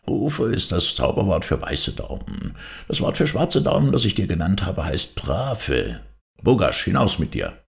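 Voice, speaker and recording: A man voicing a grumpy old male vagabond sorcerer who scolds gruffly, in a spoken story reading. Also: deep voice, very animated, a little slow, voice pushed up, heavily acted. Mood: angry.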